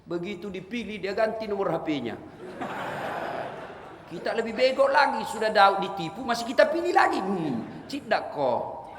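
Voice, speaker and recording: A man preaching a humorous sermon, joking and animated with bursts of loud emphasis. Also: a little high, a little hiss or hum. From South Sulawesi, Indonesia. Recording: echoey hall with long reverb.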